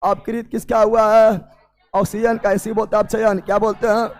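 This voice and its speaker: A male teacher running a chemistry class, firing the same questions again and again and often shouting or half-singing. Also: sits high, level tone, moderate pace, faint music behind. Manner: loud drilling questions, often shouting and sing-song. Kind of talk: classroom chemistry lesson with call-and-response.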